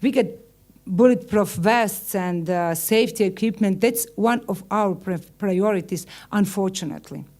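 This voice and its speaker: Woman, Croatian accent, mid pitch. Formal conference speaker, halting non-native English. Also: darkish tone. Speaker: conference speaker, journalists' union leader. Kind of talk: formal opening remarks.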